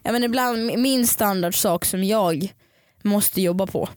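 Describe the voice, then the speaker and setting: A woman's voice: mid-range voice, darkish tone, clean tone, no echo, clean studio sound. A woman co-hosting a casual podcast, playful, reading listener questions aloud and acting out little scenes. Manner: playful, reads listener questions, slips into mock voices. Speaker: podcast co-host. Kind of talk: casual chat.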